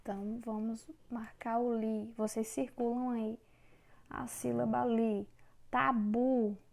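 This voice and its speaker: A woman teacher giving a recorded grammar lesson, dictating words slowly and clearly syllable by syllable. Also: a little high, flat delivery, darkish tone. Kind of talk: online Portuguese grammar lesson.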